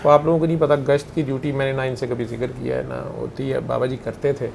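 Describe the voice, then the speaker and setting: A man's voice: medium pitch, flat delivery, fast talker, gravelly, a little mellow, a little hiss or hum. A man with a Punjabi accent giving an informal spiritual talk to his followers. He talks conversationally, asks rhetorical questions and drops into Punjabi phrases. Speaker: spiritual healer.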